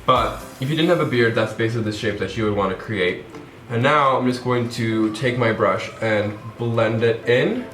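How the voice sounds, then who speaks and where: A young makeup vlogger with a cold-blocked nose talks his way through a tutorial, chatty and rambling and full of fillers. He speaks at a normal speed in a mid-range, fairly bright voice, with faint music behind him and an echoey room sound.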